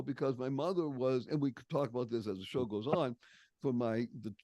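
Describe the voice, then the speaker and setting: A man's voice: mid-range voice, darkish tone, no room sound. An older man from the Boston area with a Boston accent, a podcast guest telling stories expressively and stressing key words. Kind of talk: storytelling interview.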